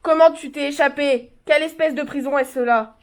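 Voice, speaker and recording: A woman's voice: high voice, fairly even intonation, brisk. A woman playing a frightened, grieving mother in a stage play, tense, scolding and pleading.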